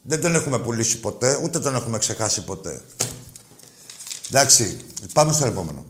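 A man's voice: mid-range voice, very animated, echoey room, slight background noise. A man hosting a sports call-in radio show, arguing with callers in a brash, crude, combative way. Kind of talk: heated call-in argument.

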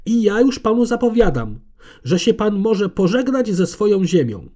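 A man reading an audiobook, voicing an arrogant, aggressive female heritage conservator who shouts. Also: sits high, sing-song, moderate pace, voice pushed up. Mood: furious.

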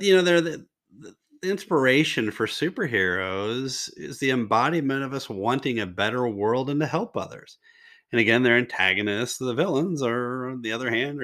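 An older man hosting a solo podcast in a casual, rambling way, sounding nasal and slightly raspy with a mild cold and laryngitis. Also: on the low side, bright, forceful tone. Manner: rambling, conversational, self-interrupting asides. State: mild laryngitis and nose congestion. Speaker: podcast host.

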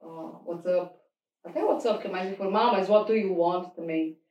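A Brazilian woman with a Brazilian Portuguese accent chatting casually, telling animated stories, laughing often and acting out what others said. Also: lowish voice, normal speed, highs cut off. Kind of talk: casual chat. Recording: roomy sound from a distant mic.

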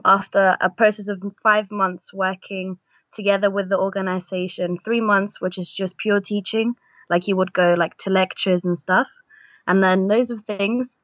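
A woman's voice: mid-range voice, fairly bright tone, no room sound, highs cut off. Hesitant young woman from Argentina. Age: young adult. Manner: hesitant, many fillers. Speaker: missionary guest. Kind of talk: casual interview.

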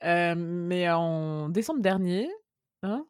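A woman's voice: fairly low pitch, takes it slowly, clear, resonant tone, dry recording, studio quality. A woman hosting a casual chat, playful and informal, often breaking off her own sentences. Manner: informal, self-interrupting, playful. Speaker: podcast host.

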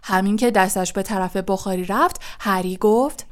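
A woman reads a novel aloud in an even, measured storytelling voice. Her pitch sits in a middle range for a woman. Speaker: audiobook narrator. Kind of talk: scripted narration.

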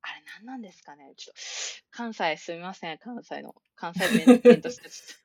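A woman's voice: lowish voice, animated, normal speed, dark tone, breathy edge. A woman co-hosting a podcast, speaking politely with a wry edge and reading listener letters aloud. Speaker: podcast co-host. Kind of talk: casual chat. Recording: dry, dull lo-fi sound.

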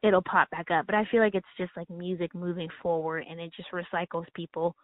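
A woman's voice: lowish voice, fairly even intonation, a little fast, no echo. A woman co-host talks casually about music in a rambling, chatty way. Her voice comes through thin and tinny, like a phone call. The sound is dry, with no room around it. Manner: chatty, rambling, laughs easily. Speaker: podcast co-host. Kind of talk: casual chat.

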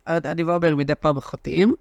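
High-pitched guy on a sports podcast, jokey and animated, dry close mic. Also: creaky, no room sound. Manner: animated, teasing, tells stories with shifts in pitch. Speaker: podcast co-host. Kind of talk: casual sports podcast chat.

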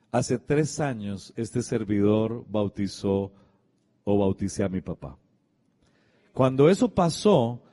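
Pastor preaching in a reverberant hall. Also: male voice, medium pitch. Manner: storytelling, acting out dialogue with shifts between hushed and raised voice. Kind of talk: sermon.

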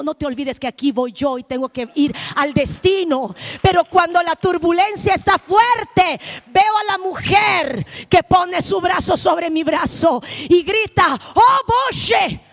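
Woman preacher, very high voice, impassioned sermon, shouts then hushes. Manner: impassioned, swings between shouting and hushed tones. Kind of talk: missionary sermon.

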